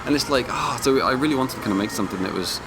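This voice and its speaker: An independent game developer being interviewed talks very fast in a medium-pitched, animated voice. His explanations are casual, informal and rambling, and there's a clearly noisy hum in the background.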